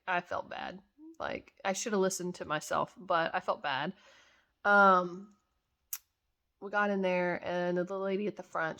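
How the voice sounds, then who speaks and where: A woman's voice: lowish voice, vocal fry, a bit bright. A tired young woman, yawning now and then, chattily telling her story of her baby as a mother's testimony, quoting herself and others. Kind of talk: casual spoken testimony.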